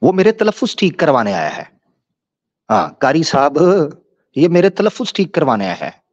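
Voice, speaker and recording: A man's voice: on the high side, sing-song, normal speed, no echo. A man hosting a live-stream debate, ranting in a taunting, mocking and crude way. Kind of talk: combative live-stream rant. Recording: dull lo-fi stream audio.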